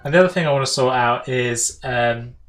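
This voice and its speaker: Let's play host: British male, average pitch, casual rambling commentary on a home mic, game soundtrack underneath. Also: brisk, a bit bright, distant mic, soft background music. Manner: rambling, informal, self-deprecating, swears. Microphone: home gaming voice-over mic.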